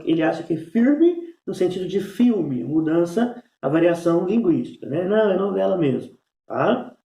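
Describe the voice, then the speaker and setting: A man's voice: high voice, warm tone. A male teacher, explaining exercises in a recorded lesson, with frequent tag questions and fillers. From Minas Gerais, Brazil. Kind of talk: recorded remote lesson going over exercises. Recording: echoey room.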